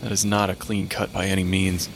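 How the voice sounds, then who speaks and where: A man's voice: deep voice, monotone, a little fast, a little hiss or hum. A man playing a weary, matter-of-fact medical examiner who talks to ghosts in an audio drama. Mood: focused. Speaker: pathologist.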